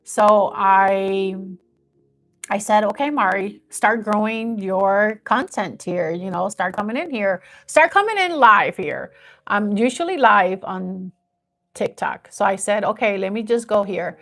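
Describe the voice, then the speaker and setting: Speaking a little slowly in a mid-range, fairly bright voice, this fifty-something woman talks earnestly and casually on a live stream. She drifts somewhat as she describes building up her page.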